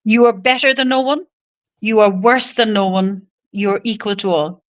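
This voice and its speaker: A woman's voice: mid-range voice, moderate pace. A woman with a Cork Irish accent chatting casually as a guest in an interview. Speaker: podcast guest on men's health.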